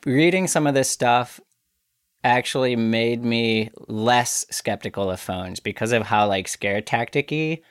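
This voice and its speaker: A man co-hosting a casual conversation, chatty and wry, full of fillers and quick self-corrections. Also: medium pitch, clean tone, no echo, clean studio sound.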